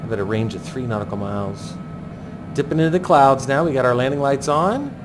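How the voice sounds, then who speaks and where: A man's voice: medium pitch, expressive, a little fast, background noise. A man giving running commentary as he flies a landing approach, thinking aloud in clipped aviation jargon. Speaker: flight simulator pilot narrating.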